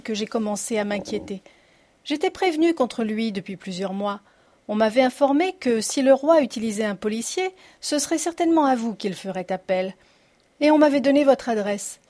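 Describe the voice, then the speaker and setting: A woman's voice: on the high side, lively intonation, normal speed, a little mellow. Witty confident woman, poised and wry, read by a woman narrator. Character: witty confident woman writing a farewell letter. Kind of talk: audiobook reading.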